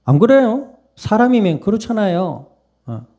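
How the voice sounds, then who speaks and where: A man's voice: sits high, sing-song, normal speed, dark tone. A male pastor, preaching in a conversational way and often putting questions to the congregation. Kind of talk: sermon.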